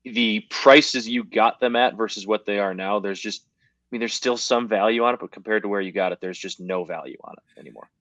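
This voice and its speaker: Low-voiced, slightly breathless man. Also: a little fast, fairly bright tone, no room sound, muffled recording. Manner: chatty, rambling, many fillers. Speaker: sports betting podcast co-host. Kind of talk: casual sports betting chat. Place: hotel at high altitude.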